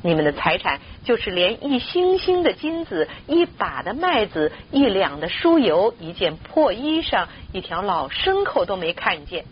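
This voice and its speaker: A woman voicing a greedy uncle and aunt who shout together in a scornful, furious manner. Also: mid-range voice, very animated, normal speed, few pauses, lo-fi sound, slight background noise, close to an everyday voice.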